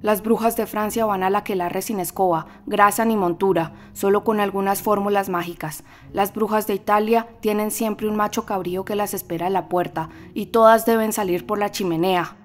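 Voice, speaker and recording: A woman voicing an old male vagabond leader who lectures his listeners in falsetto. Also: steady tone, normal speed, few pauses, faint music behind, natural voice. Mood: lecturing. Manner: falsetto, sermonizing to a crowd.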